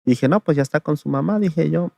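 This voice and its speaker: A man's voice: on the high side, a little fast, no room sound, studio quality. A man, telling his own testimony in an interview in a conversational way, often tagging his sentences with "le digo" and "¿verdad?". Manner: gravelly, flat storytelling, often adding "le digo" and "¿verdad?". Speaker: interview guest giving testimony.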